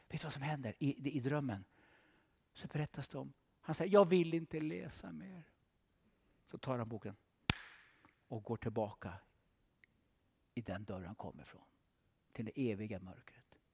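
A middle-aged man preaching a sermon dramatically, swinging from loud outbursts to hushed whispers. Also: fairly high pitch, creaky, husky. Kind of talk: animated sermon.

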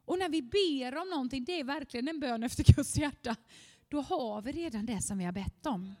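A woman preaching a fervent sermon, at times rising almost to shouting. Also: high voice, lively intonation, long reverb tail.

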